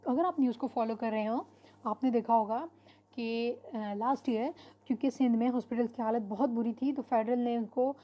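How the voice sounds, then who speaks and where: A woman's voice: fairly high pitch, moderate pace, muffled recording. A woman teacher giving an online lecture, explaining steadily and mixing English terms into her speech with frequent fillers.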